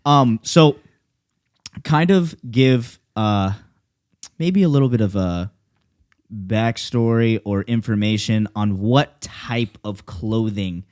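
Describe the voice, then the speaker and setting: A man's voice: lowish voice, slow, darkish tone. A young man hosts a laid-back podcast and talks loosely. He swears freely and fills his sentences with likes and you-knows. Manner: loose and profane, lots of fillers. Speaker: podcast host. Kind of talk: casual podcast chat.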